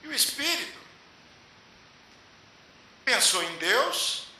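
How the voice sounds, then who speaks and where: A man giving a spiritual lecture to a public meeting, telling a story with measured, emphatic pauses. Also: very high voice, sing-song, pushed and bright. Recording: echoey hall with faint hiss.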